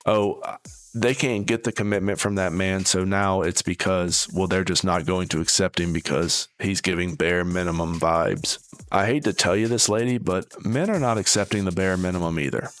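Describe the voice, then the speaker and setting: A video host with a low, somewhat bright voice delivers casual, opinionated reaction commentary at a moderate pace, sardonic and dismissive. Background music plays underneath.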